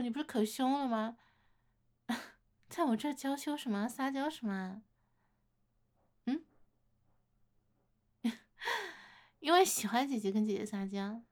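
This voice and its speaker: A woman's voice: fairly high pitch, close to an everyday voice. A woman playing a playful older-sister type who coaxes and teases a younger man confessing to her, in a one-sided romantic role-play. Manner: coaxing, playful teasing, gentle laughter.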